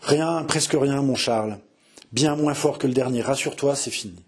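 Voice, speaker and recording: A man voicing a gentle young woman who soothes and pleads softly. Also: mid-range voice, normal speed, husky, natural voice. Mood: reassuring. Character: Marie Touchet, young woman, tender, soothing mistress.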